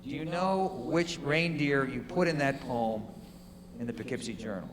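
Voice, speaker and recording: A man acting as an attorney, questioning a witness in a mock trial with measured, leading questions. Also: mid-range voice, a little hiss or hum. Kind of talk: courtroom examination in a mock trial. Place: courtroom. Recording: long hall reverb.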